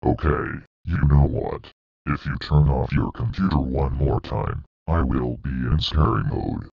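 A man's voice: a little slow, vocal fry, highs cut off, music in the background, exaggerated voice. A synthetic male voice playing a menacing stick-figure computer demon with a robotic tone. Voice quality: deep robotic demonic text-to-speech voice. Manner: flat threatening ultimatums.

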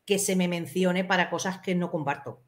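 A woman on a livestream chat, speaking in a calm, measured and firm way. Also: fairly low pitch. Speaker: livestream guest.

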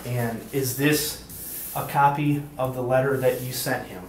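Halting man on an old interrogation tape. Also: mid-range voice, steady tone. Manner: halting, with many uhs and ums. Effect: interrogation-room tape recording. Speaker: state police investigator. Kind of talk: formal interrogation. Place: police interview room. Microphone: fixed room camera mic. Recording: roomy, distant, faint hiss.

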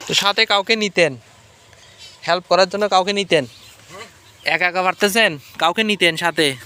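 Bright-voiced man vlogging outdoors. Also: sits high, normal speed. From Chittagong, Bangladesh. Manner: inquisitive, informal, questioning. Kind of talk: casual outdoor vlog chat. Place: outdoors in open crop fields. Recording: noisy open-air farmland, birds and vehicles.

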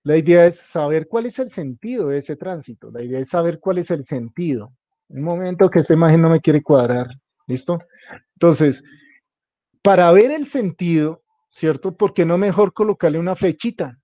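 A man's voice: a little high, expressive, normal speed, mellow, dry recording, muffled recording. A male teacher giving an informal class, who repeats his points, jokes around and keeps asking the students whether they follow. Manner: keeps checking in with the class, jokey and repetitive.

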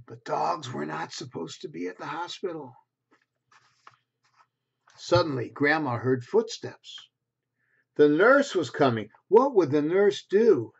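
Reading a picture book to preschoolers, a man in his sixties uses expressive, simple phrasing and drops in little asides. His fairly high voice is gravelly and slightly rough. The indoor recording, made in a small home bedroom on a computer webcam at desk distance, sounds dull and lo-fi.

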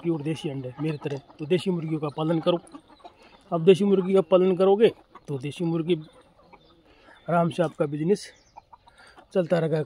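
A poultry farmer from Rajasthan talks straight to viewers in a casual explainer vlog, plain and repetitive, standing outdoors on his open farm. His voice is on the high side, warm, with a breathy edge. Chickens cluck in the background over faint noise.

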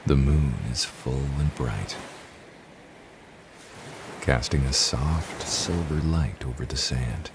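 A man narrating a guided sleep meditation in a soft, hushed, soothing voice that at times drops to a whisper. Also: a bass voice, slow, pauses often, background noise. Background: new-age music and ocean waves.

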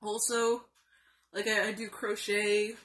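A young adult woman in a casual, rambling vlog chat, speaking haltingly. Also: medium pitch, little pitch movement, fairly bright tone. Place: small room indoors. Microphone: phone or webcam at arm's length.

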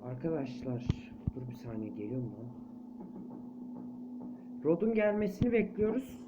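A man giving casual let's play commentary on a horror game, jumpy and quick to shriek and chant when chased. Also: medium pitch, very animated, lo-fi sound, noisy background. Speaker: gameplay commentator.

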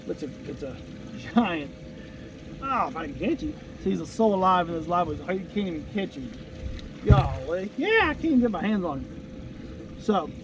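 A man with a notably high voice talks casually from a fishing boat, folksy and enthusiastic, with loose restarts. Faint outdoor ambience sits under the voice. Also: background noise. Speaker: fishing show host. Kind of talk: casual instructional talk.

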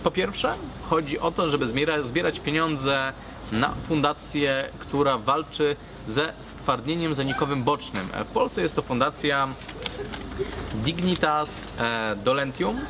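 A man in his thirties speaks casually to camera in a somewhat high voice. His delivery halts as he searches for words. He is outdoors, with clear urban background noise around him. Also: measured pace. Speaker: cigar blogger, vlogger. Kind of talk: casual vlog talk to camera. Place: outdoors at a garden table by a brick wall.

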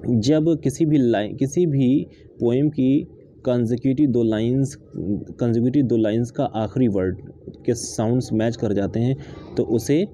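Slow-talking man with a very dark voice. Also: mid-range voice, slight background noise. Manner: reads English text slowly, then explains it in Hindi with fillers. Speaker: literature teacher. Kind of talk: explaining a lesson.

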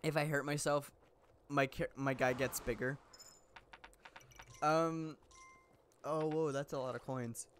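A man's voice: on the high side, fairly even intonation, slow pace, pauses often, fairly bright tone, a little hiss or hum. A young man giving casual, rambling gameplay commentary, chatty, laughing often, with lots of fillers and restarts, sounding a little sick. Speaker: gaming YouTuber.

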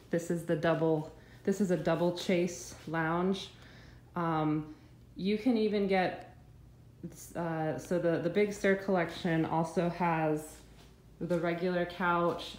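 A woman's voice: low voice, darkish tone. A young woman giving a casual, chatty review of her couch, hesitant and full of ums and restarts, filmed on a handheld phone in her living room. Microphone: handheld phone filming the room. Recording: echoey room with faint background hum.

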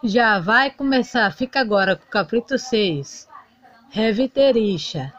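A woman's voice: fairly high pitch, expressive, a little slow, fairly bright tone, dull audio. Woman announcing a doll soap episode. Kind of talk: playful show announcement.

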